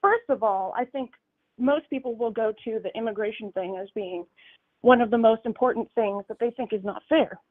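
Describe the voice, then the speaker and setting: Woman in her twenties on a tinny metallic phone line, high-pitched, measured caller. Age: 20s. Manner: measured, explains point by point. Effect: metallic, robotic-sounding phone line. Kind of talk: phone-in political debate.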